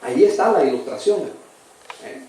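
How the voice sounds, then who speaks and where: A Salvadoran man preaching in a high, earnest voice, pressing each point home and calling his hearers brother. He sounds distant from the microphone, and his words ring through a strongly echoing church. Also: lively intonation, fast, noisy background. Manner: addresses listeners as brother constantly, earnest and emphatic. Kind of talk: sermon. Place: church hall. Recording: very echoey church, voice from far off the mic.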